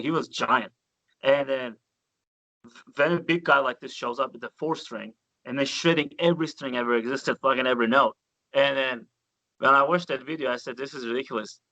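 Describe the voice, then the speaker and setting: A Turkish guest bassist chats casually in an interview about playing bass, telling stories with excited energy, loose grammar and the odd swear word. His voice is bright and forceful, captured dry and up close, with a slightly dull, muffled quality.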